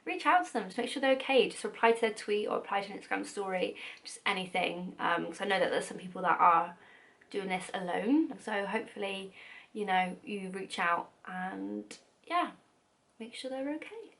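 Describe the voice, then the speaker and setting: A woman's voice: medium pitch, moderate pace, vocal fry, a bit bright. A young British woman in her twenties chatting casually to camera as a vlogger, swearing freely and laughing at her own slips.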